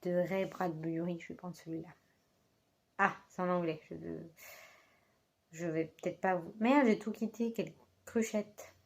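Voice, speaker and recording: A woman's voice: fairly low pitch, steady tone, a little slow, long pauses, darkish tone. A woman talking casually into a phone as a book vlogger, hesitant, with many fillers and self-corrections. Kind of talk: casual chat. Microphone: phone held in hand.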